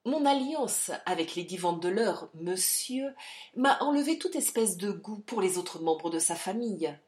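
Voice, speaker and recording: A woman's voice: on the low side, sing-song, measured pace, roomy sound. A woman reading aloud, voicing a furious, bullying older male general who roars and blusters. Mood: contemptuous. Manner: roaring, blustering.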